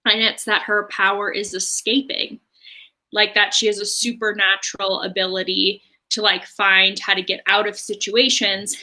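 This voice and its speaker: Recapping chapters for a book podcast she co-hosts, a woman talks chattily and often reaches for fillers. Her mid-range voice is bright and forceful, with little pitch movement and a moderate pace.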